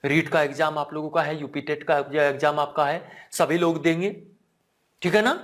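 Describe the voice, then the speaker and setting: A man's voice: fairly even intonation, moderate pace. A man teaching a Sanskrit exam-prep lesson, repeating key words back to the class as questions and checking in with them again and again. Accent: Hindi. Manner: asks the class "ठीक है ना?" again and again; drops to a low, quiet voice at times.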